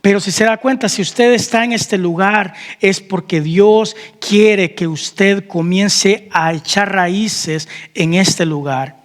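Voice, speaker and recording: High-voiced pastor preaching in a hall. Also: male voice, takes it slowly, hardly any pauses. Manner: preaching with questions to the congregation, calling out amen. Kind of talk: sermon. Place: church hall.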